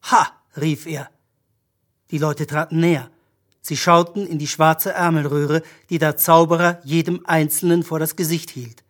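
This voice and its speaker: A calm audiobook storyteller. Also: medium pitch, moderate pace. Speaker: narrator.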